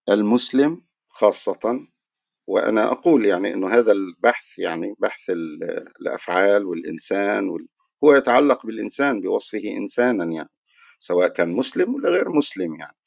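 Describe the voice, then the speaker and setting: A man's voice: lowish voice, vocal fry, dry recording. A man giving a religious lecture, explaining his point through rhetorical questions that he answers himself. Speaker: religious speaker.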